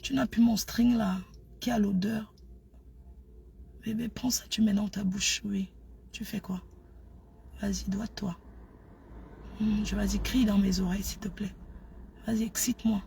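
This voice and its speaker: A woman putting on soft, whispered lover talk as if on the phone, in a whispered role-play. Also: mid-range voice, steady tone, a little slow, long pauses, slight background noise. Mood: intimate. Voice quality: breathy.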